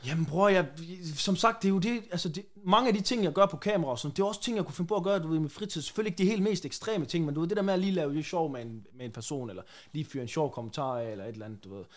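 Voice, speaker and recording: A young man chatting casually as a podcast guest, slangy and animated, often laughing as he tells stories. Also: fairly high pitch, few pauses. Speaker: guest, prank content creator.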